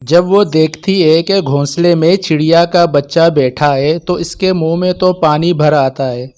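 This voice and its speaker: A man tells a children's cartoon story in calm, steady narration. His pace is unhurried and his voice sits fairly high for a man.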